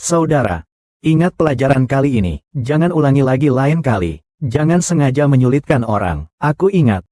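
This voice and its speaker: A man's voice: medium pitch, very animated, normal speed, warm tone, no echo, clean studio sound, natural voice. A man voicing the characters of a dubbed short drama, with a scornful, confrontational delivery.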